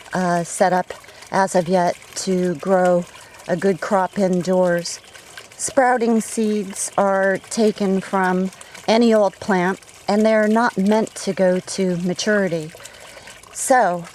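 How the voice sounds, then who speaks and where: A woman with a mid-range, somewhat dark voice is heard over slight background noise in a rough recording. Out in her garden and a little breathless, this gardening vlogger offers chatty, practical tips sprinkled with fillers.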